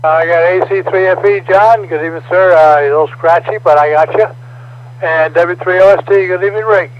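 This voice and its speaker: A man's voice: high-pitched, brisk, muffled recording. A man acting as net controller, making formal but hesitant procedural announcements over amateur radio. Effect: transmitted over ham radio. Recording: noisy, band-limited ham radio transmission.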